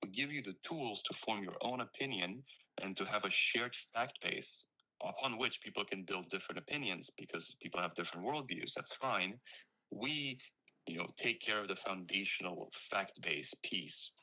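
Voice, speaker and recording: Deep-voiced man from Ukraine, earnest. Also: moderate pace, pushed and bright, low-quality recording. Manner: earnest, explanatory, frequent "you know". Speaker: founder being interviewed. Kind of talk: conversational interview.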